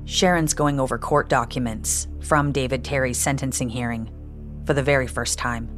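A woman's voice: rumbling low, fairly even intonation, normal speed, over music. A woman hosting and narrating a true crime podcast in a scripted style.

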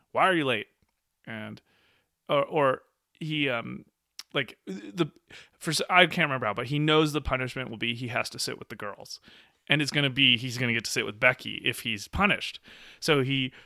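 A man talks through a classic novel with keen enthusiasm, often breaking into laughter and playing out the lines he quotes. His voice is bright and forward, recorded close and dry with no room sound. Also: medium pitch, no room sound. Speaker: discussion co-host. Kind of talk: casual literary discussion.

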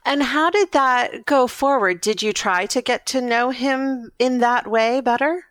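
A woman's voice: fairly high pitch, a little slow, a bit bright. A woman hosting a podcast, giving scripted introductions and asking interview questions. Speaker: podcast host, intimacy coach.

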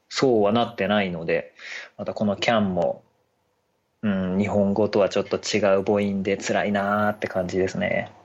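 A man chatting casually and politely on a podcast, often laughing. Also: fairly low pitch. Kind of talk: casual chat. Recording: dull lo-fi audio.

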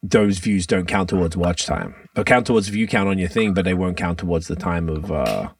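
Sweary man, low-pitched. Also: moderate pace, far from the mic, slight background noise. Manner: sweary, blunt slangy talk. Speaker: podcast host. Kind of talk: casual chat.

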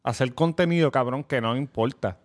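A man's voice: medium pitch, brisk. A man reacting and chatting casually on a podcast, swearing freely. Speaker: podcast co-host.

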